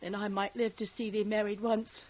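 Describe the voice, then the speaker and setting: A woman's voice: medium pitch, little pitch movement, normal speed, a little mellow, natural voice, poor audio. A woman performing a classical stage monologue as a garrulous, fond old nurse who rambles and digresses. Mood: tender. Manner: rambling, digressive, breaks into laughter.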